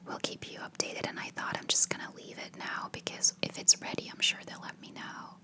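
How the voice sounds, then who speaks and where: A woman whispering in a hushed voice, chatting casually in a rambling ASMR style. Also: a little fast. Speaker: ASMR video creator.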